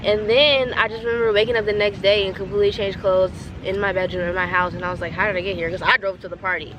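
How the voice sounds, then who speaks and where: A woman's voice: mid-range voice, fairly even intonation, fast. Young american party girl, rowdy and blunt, swears and talks slangy, lots of outdoor noise behind her. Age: young adult. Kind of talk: casual Q&A chat. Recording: noisy outdoor ambience.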